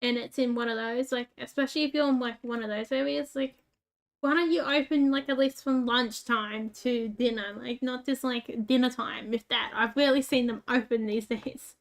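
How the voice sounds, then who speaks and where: Chatting casually as she plays a game, a YouTuber with a rural Australian accent rambles, uses plenty of fillers and jokes about herself. Her voice is a little high and steady, at a normal speed.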